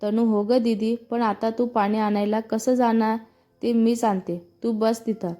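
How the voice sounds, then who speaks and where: A woman's voice: fairly high pitch, flat delivery, unhurried, dark tone, lightly acted. A woman reading a storybook part as an eager, slightly anxious younger sister who keeps insisting on helping.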